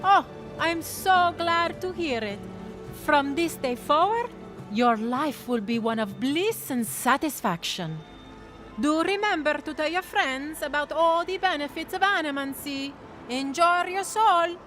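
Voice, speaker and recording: A woman's voice: high voice, animated, a little slow, music in the background. A woman voicing a theatrical traveling salesman of a soul machine, with a put-on Italian accent and grand sales patter.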